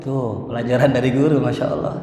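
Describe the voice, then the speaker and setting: A man preaching in casual storytelling style. He talks in a lively, colloquial way and acts out the voices of the people in his stories. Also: medium pitch, quick pace. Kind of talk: sermon storytelling. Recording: echoey hall.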